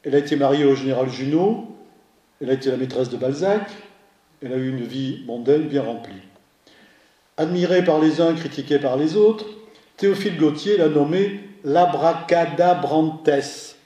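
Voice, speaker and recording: A man's voice: fairly high pitch, moderate pace, mellow, reverberant. A man giving a slide lecture on art and photography, who trails off, corrects himself mid-sentence and drops dry humorous asides.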